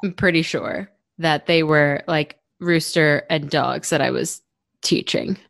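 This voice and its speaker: Young woman co-host, lowish voice, casual filler-heavy chat, dry close sound. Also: a little slow, creaky, dry recording. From United States. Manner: chatty, lots of fillers and laughter. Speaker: podcast co-host.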